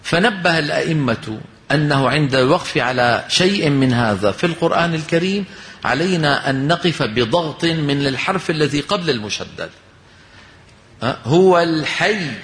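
A man teaching Quran recitation, his fairly high voice ringing with a long echo as if in a large hall. He quizzes his listeners, answers each question himself, and draws out the verses he uses as examples in a slow chant. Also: lively intonation, a bit bright. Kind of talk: recitation lesson.

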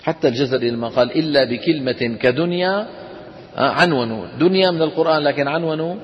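A man's voice: fairly high pitch, quick pace. A man teaching the rules of Quran recitation to a class. He explains step by step, asks his students questions and chants the verse examples. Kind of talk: classroom lesson on tajweed. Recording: dull sound with long reverb.

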